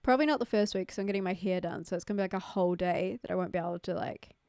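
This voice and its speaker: Speaking rapid-fire in a lowish, slightly mellow voice, this New Zealand streamer reads viewer messages from her Queensland home setup, chatty and quick to laugh, with plenty of "like" and "um." Close-miked in studio quality, her tone is clean and echo-free.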